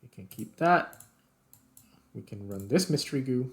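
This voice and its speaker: Speaking a little slowly with lively intonation, this man has a medium-pitched voice. He hosts a video game playthrough, offering off-the-cuff commentary and muttering through each step as he reasons aloud.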